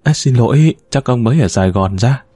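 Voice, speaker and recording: A man voicing a feisty, sharp-tongued woman near thirty who bickers and teases, in a read-aloud story. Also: mid-range voice, animated, breathy edge, no room sound, clean studio sound. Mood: bantering. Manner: brash, quick to bicker and tease.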